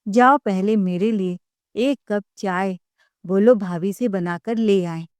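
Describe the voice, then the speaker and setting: A woman's voice: mid-range voice, slow pace, darkish tone, clean tone, dry recording, lightly acted. A woman voicing a pampered young wife who speaks haughtily and sulkily. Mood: haughty. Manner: haughty, sulky.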